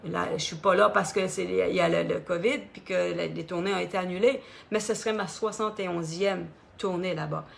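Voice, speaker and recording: A middle-aged woman with a Quebec French accent, telling her story in a casual, expressive way on a live stream, with many fillers. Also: on the low side, fairly quick, creaky, few pauses. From Quebec, Canada. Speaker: singer hosting her own live stream.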